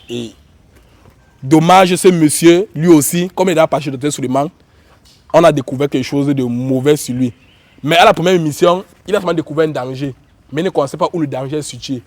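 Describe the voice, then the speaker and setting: A little hiss or hum underlies this clip of a Cameroonian-accented man hosting an online show while he has a cold. His pitch is a little high and his tone darkish, and he speaks to viewers and guests informally, circling back over the same points.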